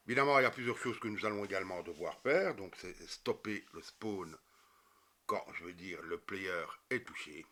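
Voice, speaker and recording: A man explaining a coding tutorial step by step, with many fillers and self-corrections. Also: low-pitched. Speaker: programming tutorial teacher. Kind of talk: screen-recorded coding tutorial.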